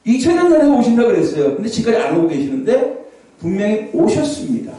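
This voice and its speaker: A man preaching a revival sermon with a warm, mellow voice that swings through a lively range. He sometimes shouts out scripture cries. The recording catches him from across a big, echoing prayer hall. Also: sits high, fast. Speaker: pastor. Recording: echoey hall, voice from far off.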